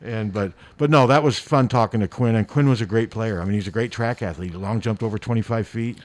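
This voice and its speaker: A man hosting sports radio, rambling and correcting himself as he talks. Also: on the low side. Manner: fast, rambling, self-correcting. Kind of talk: casual sports talk.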